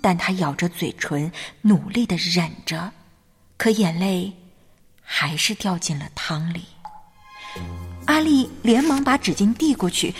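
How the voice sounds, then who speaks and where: A woman narrating a scripted story in a gentle, measured manner. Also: fairly low pitch, expressive. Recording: reverberant hall with faint music. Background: faint background music.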